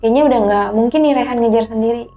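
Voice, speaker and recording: A woman with a fairly high pitch recalls her own eerie time on a hiking trail as a guest, telling it casually and vividly while quoting others in quick dialogue. Faint music sits behind her.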